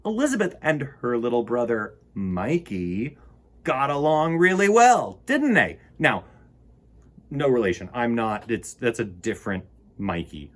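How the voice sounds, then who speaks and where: Reading picture books and chatting to little ones, this storytime host is playful, whimsical and rambling. He has a mid-range male voice with big pitch swings and takes an unhurried pace.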